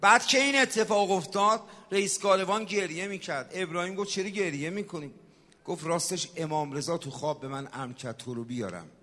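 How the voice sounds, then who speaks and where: A man preaching a sermon, swinging from shouted exhortation to soft, hushed storytelling. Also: high-pitched. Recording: long hall reverb.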